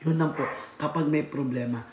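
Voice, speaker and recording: A man's voice: on the high side, steady tone, fairly quick. A man from the Philippines giving a workplace safety seminar lecture, switching between Tagalog and English and often adding tag questions like "right?". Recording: echoey room, faint background noise.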